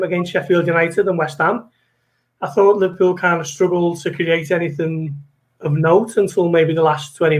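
A British man giving casual football analysis as a correspondent guesting on a podcast. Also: sits high.

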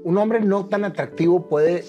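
A middle-aged man with a Mexican accent hosts the interview, asking casual questions with easy slang. His voice is fairly high for a man. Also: moderate pace, dark tone, faint music behind. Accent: Mexican Spanish. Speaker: podcast host. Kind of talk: interview conversation.

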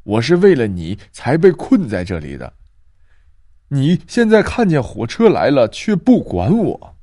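A man's voice: very animated, normal speed, a little mellow, husky, dry recording, studio quality. A man doing a grumbling old village granny. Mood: urgent, angry. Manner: low, grumbling and scolding.

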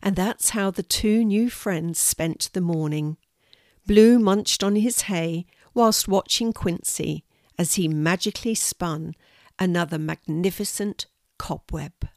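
An older woman, reading a children's story in a gentle, warm storytelling manner. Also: on the low side, slow pace, no room sound, clean studio sound.

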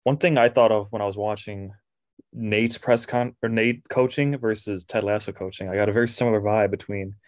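A young man co-hosting a casual podcast, telling stories in a relaxed, easygoing way. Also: on the low side, brisk, dry recording, studio quality. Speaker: podcast co-host.

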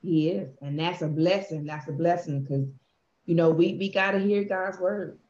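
A woman's voice: fairly low pitch, normal speed, darkish tone. A woman host sharing a heartfelt faith testimony in an earnest, emphatic storytelling way. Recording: echoey, dull room sound.

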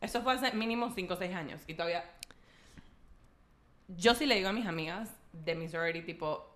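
A woman's voice: fairly low pitch, a little fast, fairly bright tone. A woman co-hosting a podcast in casual chat, chatty and switching often between Spanish and English. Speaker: podcast co-host.

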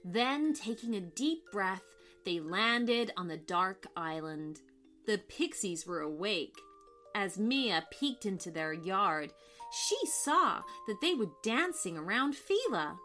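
A woman narrating a scripted children's story in an expressive, dramatic way. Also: medium pitch, slow. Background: background music.

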